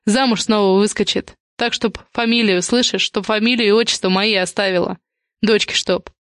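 A woman's voice: medium pitch, steady tone, normal speed, no echo, clean studio sound, lightly acted. A woman voicing a grim grown son facing prison, who talks in a blunt, resigned way, in an audiobook. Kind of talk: audiobook character reading.

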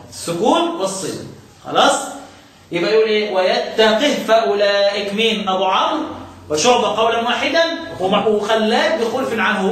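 A man with an Egyptian Arabic accent teaching Quran recitation in a classroom lesson, quizzing his students and chanting lines of verse slowly. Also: sits high, a bit bright. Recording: very echoey room, far from the mic.

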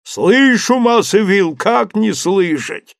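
Storybook part: man doing a timid, sly old servant, high drawling calls, dry close sound. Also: very animated, slow, creaky, no room sound, exaggerated voice. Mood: calling down. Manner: plaintive, wheedling servant talk. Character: old male servant climbing a tree, simple, fearful, sly. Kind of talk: audiobook character voice.

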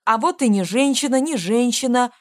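A woman reading an audiobook, voicing a childlike young man who shrieks and shouts in a drawn-out way. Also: a little high, no echo, pitched above the performer's own voice, natural voice. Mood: shrieking.

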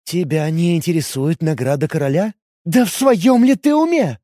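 A haughty young high-elf rogue woman from a fantasy audiobook, as a male reader puts her on, talking in a silky, condescending way that turns imperious. Her voice sits far above a man's own, swoops widely and stays mellow. The recording is close and dry. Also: sing-song, moderate pace, no echo. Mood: scornful.

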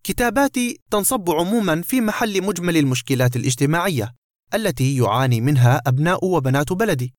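A self-important male academic, voiced by a man narrating a story, stiff and high-minded, who turns to frightened pleading. The voice runs somewhat high and close to the mic. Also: expressive, fast talker, dry recording, lightly acted. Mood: pompous. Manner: pompous, then pleading.

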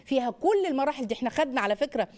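Rapid, high-voiced Egyptian woman host. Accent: Egyptian Arabic. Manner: animated, sing-song modelling of phrases for children. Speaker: parenting educator and radio show host. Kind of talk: call-in advice talk.

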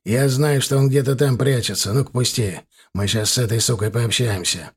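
A man voicing a surly, hulking thug who grumbles low and gruff in an audiobook. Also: moderate pace, lightly acted. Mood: angry.

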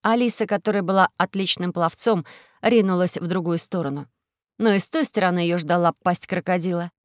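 A woman narrating a children's audiobook in a steady, clear storytelling voice. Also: on the low side, fairly quick, dry recording, studio quality.

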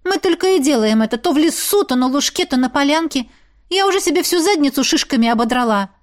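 A woman voicing a sharp-tongued young woman studying magic, exasperated and defiant, her voice pushed higher. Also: expressive, fast talker. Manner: exasperated, defiant, raised pitch. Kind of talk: audiobook character reading.

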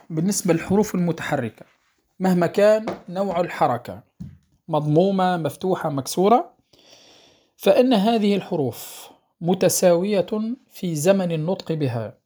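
Male recitation teacher, patient lesson delivery, measured pace with pauses and fillers. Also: high-pitched, a little mellow. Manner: checks understanding with the listener, drawing out sounds to demonstrate. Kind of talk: spoken lesson on recitation rules.

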